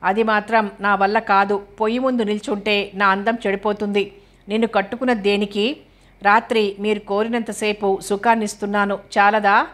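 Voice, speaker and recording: A woman's voice: medium pitch, flat delivery, normal speed, a bit bright, lightly acted. A woman reading the lines of a vain, lazy young wife who answers back carelessly. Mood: defiant. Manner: careless, defiant.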